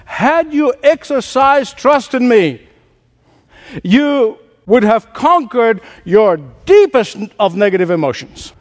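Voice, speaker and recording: A man voicing a calm male teacher who gently reproves his followers with measured questions. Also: extremely high pitch, big-room sound, pitched above the performer's own voice, exaggerated voice. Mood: reproving.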